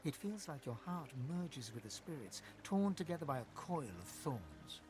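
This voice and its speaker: A man playing a solemn, poetic storyteller, narrating a fantasy video game in a measured, literary way. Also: medium pitch, sing-song, music in the background, close to an everyday voice.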